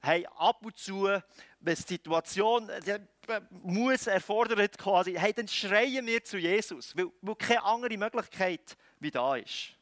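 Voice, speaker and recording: A man with a Swiss German accent preaching a sermon, swinging between loud calls and quiet, close lines. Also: sits high, lively intonation, measured pace, dry recording. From Switzerland.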